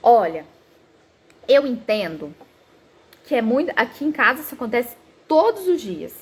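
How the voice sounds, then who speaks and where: A woman psychologist in her thirties giving a talk on parenting, animated and acting out quoted parents and children. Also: fairly high pitch, a little slow, slightly rough.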